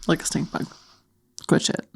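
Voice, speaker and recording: A woman podcast co-host chatting casually and exclaiming in repeated words, grossed out as she eats and smells nasty jelly beans. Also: normal speed. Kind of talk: casual chat during a food dare.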